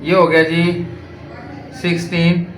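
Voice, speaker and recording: In an echoey room with faint noise, a Pakistani man with a fairly high voice speaks slowly and in a monotone. He's a math teacher working through board exercises step by step. Along the way he asks rhetorical questions.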